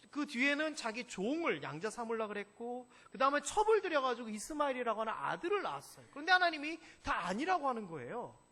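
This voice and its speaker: A man preaching a sermon as senior pastor, telling stories in an animated way and asking the congregation questions. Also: very high-pitched. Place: church sanctuary. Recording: echoey church hall.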